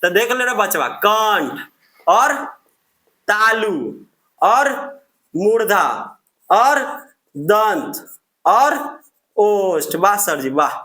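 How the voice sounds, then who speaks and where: Bright-voiced man teaching grammar in an echoey room. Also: high-pitched, very animated, drawn-out words, long pauses. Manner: answers his own questions in a student's voice; repeats and drills the terms. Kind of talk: grammar lesson.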